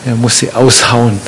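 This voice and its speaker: A man's voice: mid-range voice, sharp tone, a little hiss or hum, poor audio. A man preaching a sermon in a conversational way, putting questions to his congregation.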